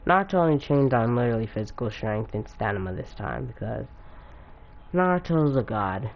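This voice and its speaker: A man's voice: medium pitch, animated, brisk, lo-fi sound. A young man casually retelling a fan-made story, rambling, slangy and often getting sidetracked.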